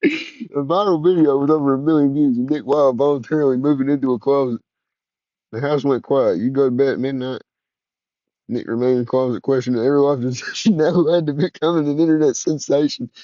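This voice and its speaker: A man narrating an interactive story in the second person, in a smooth, even way. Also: medium pitch, a little fast, no room sound, muffled recording.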